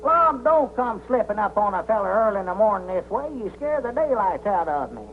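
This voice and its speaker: A high, fussy old hillbilly storekeeper. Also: male voice, big pitch swings. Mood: grumbling. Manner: drawling, folksy, quick to holler and protest. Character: fussy, gullible old country storekeeper, male. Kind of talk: 1940s film comedy acting. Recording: tinny, hissy 1940s film soundtrack.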